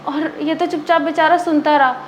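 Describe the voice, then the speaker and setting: A woman's voice: a little fast, a bit bright, a little hiss or hum. A young woman playing an arrogant rich wife who scolds and mocks her driver. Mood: remorseful. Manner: shrill, scolding, mocking. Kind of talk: amateur web drama acting.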